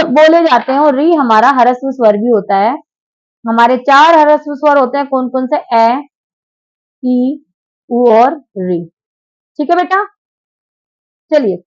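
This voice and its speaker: A woman's voice: high voice, muffled recording. A woman teacher taking students patiently through exam questions, calling them 'beta' and drilling sounds aloud. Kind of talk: exam prep lesson.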